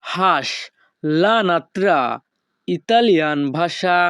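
A man teaching vocabulary in a slow, repetitive drill, saying each word and then its meaning. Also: high voice, a bit bright, no room sound. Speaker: language teacher.

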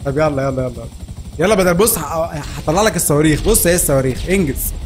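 A man with an Egyptian Arabic accent giving excited gameplay commentary, laughing and shouting often. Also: fairly high pitch, racing, slight background noise. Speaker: gaming channel host.

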